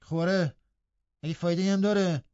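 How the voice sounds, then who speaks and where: A rough, surly young farmhand from a storybook, voiced by a man with gruff, grumbling delivery. The voice sits somewhat above the reader's usual register. The recording sounds dull and lo-fi. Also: sits high, big pitch swings, dark tone, dry recording, voice pushed up.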